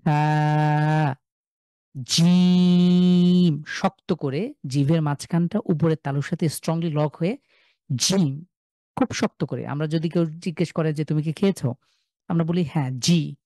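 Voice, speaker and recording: A young man with a Bangladeshi Bengali accent, teaching an online class and sounding out each letter slowly and loudly before explaining it. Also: a little high, no room sound. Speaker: Quran recitation teacher. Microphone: video call.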